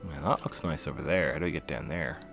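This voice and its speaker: A man's voice: extremely low pitch, quick pace, creaky, fairly bright tone, soft background music. A man giving casual, playful commentary while streaming a game, laughing and humming to himself as he plays.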